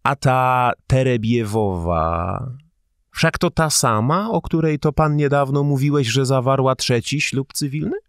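A man reading an audiobook, voicing a sly, condescending middle-aged man who speaks slowly and sneeringly. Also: smooth, no room sound, studio quality, natural voice. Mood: probing. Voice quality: slow, low, sneering. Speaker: audiobook reader.

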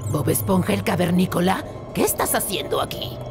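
Lady doing scary old granny cartoon, really low n stern, loud music behind. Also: animated, a little fast, vocal fry. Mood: wary, stern. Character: stern, gun-toting creepy old granny. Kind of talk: animated horror parody acting.

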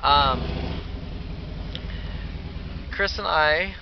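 Drunk young man, slow and slurry-paced. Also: on the high side, creaky. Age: 20s. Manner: affectionate, calls companion baby. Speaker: vlogger. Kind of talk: casual vlog chat. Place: inside a car at a drive-thru. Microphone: handheld camera at arm's length. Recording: dull, noisy phone recording in car.

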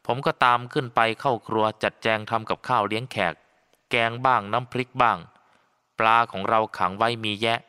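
Male storyteller for a ghost-story audiobook, steady and bright-toned, with a long hall echo. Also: medium pitch, moderate pace, clear, resonant tone. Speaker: audiobook narrator. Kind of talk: scripted first-person story narration. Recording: long reverb.

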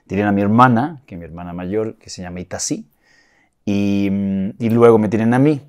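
Male interview guest, low and mellow, Mexican accent, reflective with restarts. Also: moderate pace. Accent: Mexican Spanish, acquired. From Chile. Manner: reflective, with frequent restarts and soft laughs. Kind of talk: casual interview talk.

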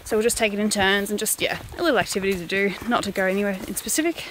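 Racing along in a mid-range, slightly bright voice, a young Aussie travel vlogger chats to the phone camera at arm's length on forest and coastal walks and in her car. Laughs and frequent "like"s fill the casual talk, with a little hiss or hum underneath.

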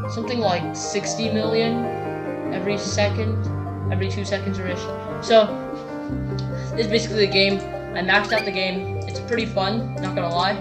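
A woman hosting a coding channel, casually walking through her clicker game demo, rambling and correcting herself as she guesses at numbers. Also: medium pitch. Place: at a computer, screen recording. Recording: roomy echo with loud game music.

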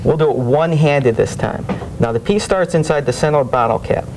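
A man's voice: a little fast, darkish tone. A young man demonstrating street swindles as a magician, explaining and challenging the onlooker in a shell game hustler's patter. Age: young adult. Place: small TV studio set, indoors, at a table. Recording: noisy old videotape with low rumble.

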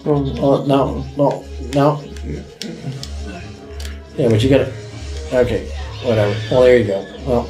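A man's voice: medium pitch, unhurried, long pauses, warm tone, soft background music. A young man giving laid-back, casual commentary on a video game, swearing now and then and telling the player where to go. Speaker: let's play host.

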